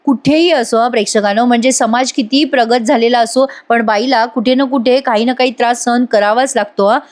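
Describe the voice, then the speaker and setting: A woman recapping a TV serial episode in a dramatic voice-over. She exclaims often and talks straight to her viewers, and her voice sits a little high. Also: fairly even intonation, fairly quick. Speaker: TV serial reviewer.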